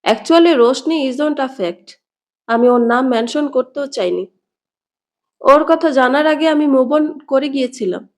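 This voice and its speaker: Woman reading as a hurt young woman, calm, firm, wounded, high voice, storybook. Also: slow. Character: hurt, resolute young woman ending a romance.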